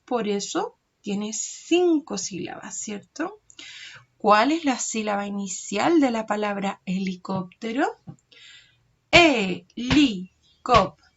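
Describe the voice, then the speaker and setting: A woman, teaching a recorded lesson to young children, slow and patient, stretching out words and checking in often. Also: mid-range voice, creaky, husky. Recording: dull lo-fi recording.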